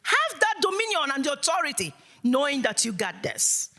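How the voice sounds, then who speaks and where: A woman's voice: high voice, very animated, moderate pace, pushed and bright. A woman from Africa giving a rousing motivational keynote speech to a live audience in an event hall, with a preacher-like call and response. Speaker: motivational speaker.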